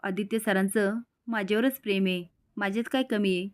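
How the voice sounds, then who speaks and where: Wistful, earnest young woman read by a woman narrator, soft and wondering. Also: mid-range voice, steady tone, a little fast, close to an everyday voice.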